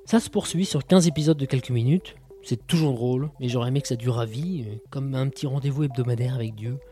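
A man hosting a podcast, reviewing audio shows with a mellow, relaxed voice. He talks casually and sardonically, full of quips. Faint music plays behind him. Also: mid-range voice, fast. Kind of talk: casual chat.

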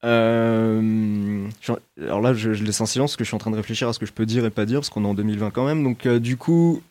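A man's voice: on the low side, steady tone, fast talker, a little mellow. A man giving a casual film review around a table, chatty and hesitant, with many restarts and fillers. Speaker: film critic.

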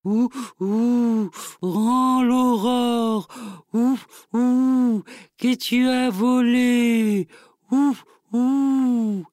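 A woman voicing a solemn owl in a fairy tale, hooting slowly and stretching each word. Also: a little high, steady tone, mellow, no room sound, clean studio sound, pitched above the performer's own voice. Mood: scolding. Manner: slow, drawn-out hooting. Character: solemn hooting owl with big golden eyes.

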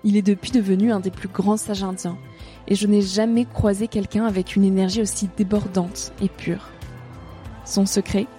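A woman hosts a podcast, reading her narration and translations in a calm, measured, earnest way. Her voice is soft and mellow at a middle pitch. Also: faint music behind. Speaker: podcast host. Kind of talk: scripted narration and voice-over translation.

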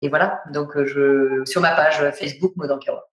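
A woman's voice: deep voice, fairly even intonation, normal speed. Talkative French woman, roomy sound. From France. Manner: talkative, reflective, many hesitations. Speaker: author and lecturer, guest. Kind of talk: casual conversational interview. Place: at home during lockdown.

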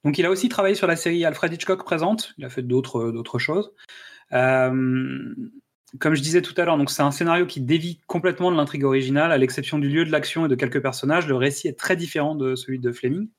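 A man's voice: on the high side, fast talker. Hesitant man hosting a film podcast. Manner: hesitant, many "euh" and restarts. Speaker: podcast host. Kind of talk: casual film-review podcast chat.

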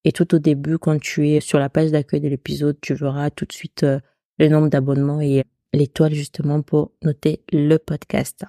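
Mellow, flat-voiced woman podcast host. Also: sits low, normal speed, no echo, clean studio sound. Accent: non-standard French accent. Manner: chatty, hesitant, many restarts. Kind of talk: casual solo podcast talk.

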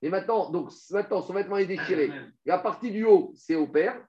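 A man teaching a Talmud lesson, explaining rapidly and animatedly while reading out Hebrew and Aramaic passages. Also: sits high, mellow. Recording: dull lo-fi recording.

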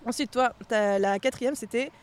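A woman co-hosting a podcast in casual chat, animated and dropping English slang words into her talk. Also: fairly high pitch, moderate pace, slight background noise. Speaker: podcast co-host.

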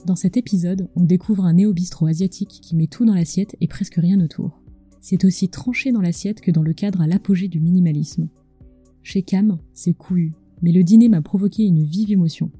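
Speaking fairly quickly at a fairly low pitch, this woman has a dark, husky tone over soft background music. As host of a scripted culinary podcast, she tells her story intimately, close to a mic with an acoustic screen, right in the listener's ear.

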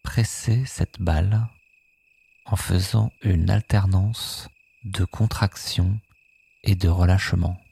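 Very slow, low, soothing sleep hypnosis voice. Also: fairly even intonation, gravelly, breathy edge. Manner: soothing, hushed, with phrases echoed softly. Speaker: sleep meditation guide. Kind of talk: guided sleep hypnosis narration.

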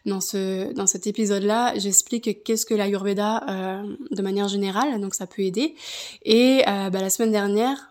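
A woman's voice: medium pitch, a little mellow. A woman from France hosting a podcast, explaining things in an informal way. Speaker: podcast host, yoga teacher.

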